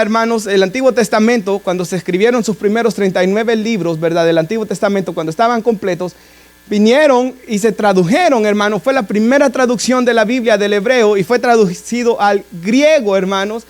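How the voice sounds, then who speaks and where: A man preaching a conversational sermon in a church, often turning to address the congregation as brothers and adding asides. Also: high voice.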